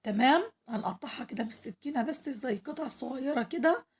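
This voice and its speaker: A woman with an Egyptian Arabic accent, hoarse from losing her voice, chatting to viewers as she cooks on her home cooking vlog. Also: high voice, fairly quick. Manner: chatty, addresses viewers directly, pleads for likes. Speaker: cooking channel host.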